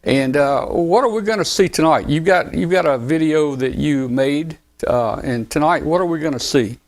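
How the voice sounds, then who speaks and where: A man's voice: a little high, normal speed. A man hosting a live ham radio talk show, interviewing a guest in a friendly, chatty manner with frequent restarts. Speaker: show host.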